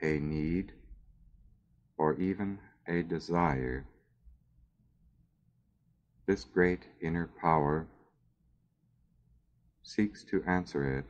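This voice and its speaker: On a dull-sounding recording, a man with a low-pitched voice guides a scripted meditation, speaking in a calm, measured way with long silences between phrases.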